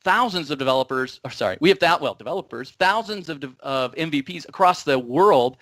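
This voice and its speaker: A man's voice: fairly high pitch, lively intonation, a little fast, a bit bright, no echo. A man hosting a tech talk show, upbeat and joking, rambling with restarts. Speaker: podcast host. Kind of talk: casual tech show chat.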